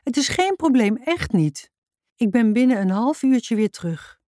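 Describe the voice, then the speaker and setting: A playful young male teacher who chats and jokes with his class in a children's story, as a woman reading the book puts him on. He sounds a little brighter and livelier than the narration, in a dry, close recording. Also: on the high side, sing-song, unhurried, no echo, pitched above the performer's own voice. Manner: playful, chatty. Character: cheerful young male schoolteacher, joking.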